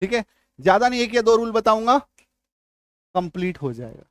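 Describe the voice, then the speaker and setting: Male English tutor, high voice, dry close sound, drags out example words, keeps checking students follow. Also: very animated, fairly bright tone, dry recording. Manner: repeats checks like "आ रही बात समझ में?"; stretches out example words slowly. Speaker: English teacher. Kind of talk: spelling lesson.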